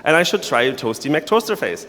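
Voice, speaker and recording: A man's voice: on the high side, very animated, quick pace, a bit bright. A man from Germany, giving a playful, sarcastic conference talk to developers. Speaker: conference speaker. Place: large conference hall. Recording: long reverb of a large hall.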